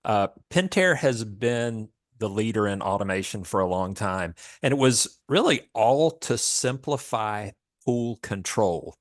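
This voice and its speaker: A man's voice: on the low side, animated, unhurried, no room sound, studio quality. A middle-aged man with a Southern US accent, presenting in a webinar in a folksy, joking storytelling manner. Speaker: product manager and presenter.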